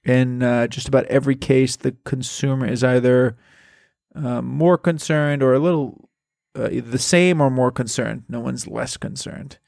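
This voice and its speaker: A man's voice: mid-range voice, a little slow, vocal fry, no room sound, studio quality. A man hosting a show, commenting casually and emphatically while reading a study aloud. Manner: animated, emphatic, repeats words for stress. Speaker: podcast host.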